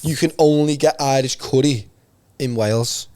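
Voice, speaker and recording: A man, co-hosting a podcast in casual chat and telling stories in an animated way. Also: medium pitch, moderate pace, no echo. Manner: chatty, animated storyteller. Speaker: podcast co-host.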